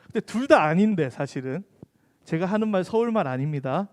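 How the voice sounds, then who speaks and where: A man's voice: high voice, lively intonation, a little fast, darkish tone. A man in his thirties preaching to a youth group with a Korean accent mixing Gyeongsang dialect and Seoul speech, telling funny stories and asking his teen listeners questions. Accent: mixed Gyeongsang and Seoul Korean. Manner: chatty, jokes with and questions the teen audience. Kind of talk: sermon with humorous storytelling.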